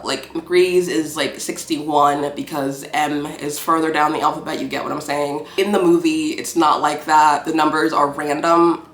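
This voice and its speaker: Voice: medium pitch, a bit bright, reverberant. A film reviewer talking casually about a movie, rambling, cursing and playfully petty.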